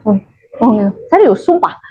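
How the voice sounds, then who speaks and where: A woman with a fairly high voice spins a casual story for a group of listeners. Her talk is loose with a tinge. She is blunt and lively, acting out quoted lines and laughing along. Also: normal speed, slightly rough, dull audio. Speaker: storyteller addressing an audience.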